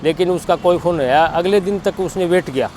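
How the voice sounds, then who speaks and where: A bereaved father, a middle-aged man from Haryana, India, with a Haryanvi accent, gives a plain-spoken, spontaneous statement, often quoting what others said as he narrates. His voice is high, brisk and a little mellow, with a little hiss or hum behind it.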